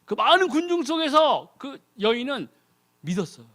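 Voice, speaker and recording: A man's voice: extremely high pitch, sing-song, moderate pace, a bit bright. A man preaching a sermon as a deacon, firing rhetorical questions at the congregation and mimicking people's prayers in mocking voices. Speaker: lay preacher, ordained deacon.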